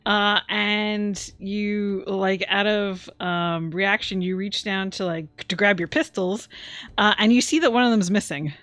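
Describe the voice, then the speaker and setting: A woman's voice: mid-range voice, unhurried, a bit bright, dry recording. A woman narrating as game master of a tabletop game on a stream, giggly and hesitant, full of fillers.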